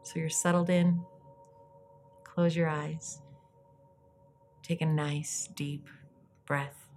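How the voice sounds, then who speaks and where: Low, slow woman guiding a soft meditation. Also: little pitch movement, faint music behind. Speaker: guided meditation podcast host.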